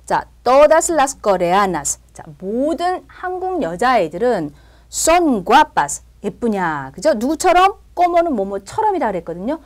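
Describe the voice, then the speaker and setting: Woman language teacher with a lively, up-and-down voice, patient and step-by-step. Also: fairly high pitch, slow. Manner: explains step by step, often checks with "그죠?". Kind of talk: recorded language lesson.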